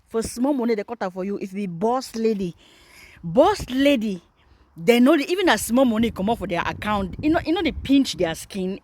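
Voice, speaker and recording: A woman's voice: fairly high pitch, no room sound. A Nigerian woman vlogger giving teasing, mocking commentary. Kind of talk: casual commentary in Pidgin.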